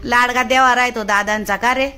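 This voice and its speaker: A young mother with a fairly high voice chats through a casual family vlog. She teases and coaxes her little son to talk to the camera. She is recorded indoors at a relative's home. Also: steady tone, a little fast, pushed and bright. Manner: chatty, coaxing and teasing a small child.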